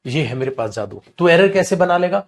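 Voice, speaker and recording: Indian man, English teacher, somewhat high voice, teasing, chatty live class. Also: very animated, a little fast. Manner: chatty and teasing, calls students beta. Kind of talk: live online class in Hindi.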